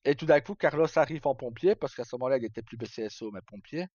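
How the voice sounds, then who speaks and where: A livestream host chats casually and informally, dropping in some mild swearing. His mid-range voice is fast with a darkish tone, captured in a dry, lo-fi recording.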